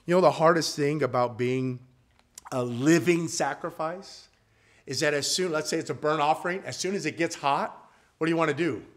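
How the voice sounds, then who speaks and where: Preacher swinging from loud to hushed. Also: male voice, a little high, moderate pace. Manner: preaching with big swings from loud to soft, quoting King James scripture; asks the congregation questions. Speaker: guest preacher. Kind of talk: sermon. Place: church sanctuary.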